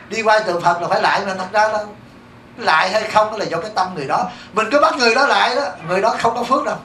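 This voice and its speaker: Monk with a Southern Vietnamese accent, a male teacher preaching in a temple hall; high, quick delivery, echoey room, caught from a distant mic. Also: slight background noise. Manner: lively, keeps asking the audience rhetorical questions. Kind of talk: dharma talk to a congregation.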